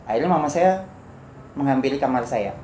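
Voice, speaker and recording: A man giving a personal testimony in conversation, telling it earnestly and acting out his own shouts. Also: medium pitch, expressive, brisk. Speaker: guest sharing a testimony. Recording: echoey room with background noise.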